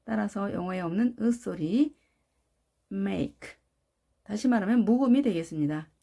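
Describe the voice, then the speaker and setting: A woman teaching English pronunciation, slowly drilling single sounds and words. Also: medium pitch, creaky, mellow. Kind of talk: instructional explanation with spoken drills.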